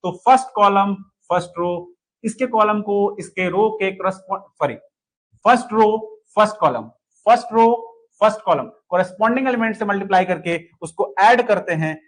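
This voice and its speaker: Male teacher running an online class, high voice, repeats himself, keeps checking if students follow. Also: moderate pace, fairly bright tone, rough recording. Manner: asks students to answer and comment, repeats key points. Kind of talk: online lesson solving exam questions.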